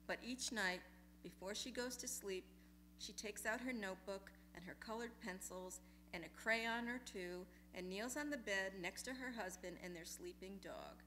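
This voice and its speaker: Bright-voiced woman reading essays aloud. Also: mid-range voice, moderate pace, a little hiss or hum. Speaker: essay reader at a memorial reading. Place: lecture hall.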